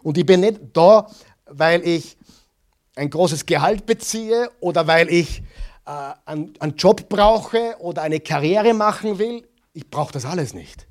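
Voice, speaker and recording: Male pastor, higher voice, preaching, quizzes the room then answers himself, loud phrases dropping to soft asides. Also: expressive, a little slow. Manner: asks the audience questions and answers them himself; swings between loud stressed phrases and quiet asides. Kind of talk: sermon.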